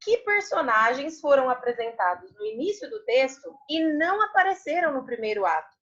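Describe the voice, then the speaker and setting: A woman's voice: high-pitched, big pitch swings, moderate pace, a bit bright, dull audio. A Brazilian woman teacher patiently explaining homework answers to young students, often repeating words and asking tag questions. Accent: Brazilian Portuguese. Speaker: primary school Portuguese teacher. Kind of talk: online class explanation.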